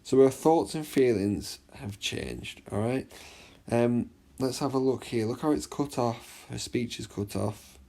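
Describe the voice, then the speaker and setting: A man teaching an exam revision lesson in a chatty way, often checking understanding and reading the extract aloud slowly. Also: mid-range voice, animated, gravelly, warm tone. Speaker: English literature teacher.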